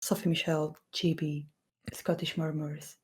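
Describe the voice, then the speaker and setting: A woman guest on a soft-spoken podcast, talking softly, slipping into whispers and giggling. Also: low voice, little pitch movement, moderate pace, breathy edge. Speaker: guest ASMR creator.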